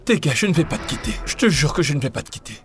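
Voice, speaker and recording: A man's voice: a little high, very animated, very fast, music in the background. An actor dubbing a young man who reassures his girlfriend, in a French film dub. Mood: soothing. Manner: soothing, reassuring, then impatient. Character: young boyfriend Raymond, evasive and soothing.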